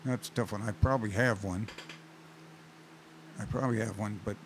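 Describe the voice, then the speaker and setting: A man's voice: lowish voice, steady tone, moderate pace, slight background noise, low-quality recording. An older man in casual chat, telling rambling concert stories with many restarts. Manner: rambling anecdotes with frequent restarts.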